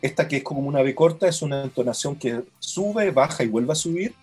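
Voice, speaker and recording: A man's voice: medium pitch, lively intonation, fairly quick, a little mellow, slightly rough, faint music behind. A man, an app co-founder, patiently explaining how a product works in a demo.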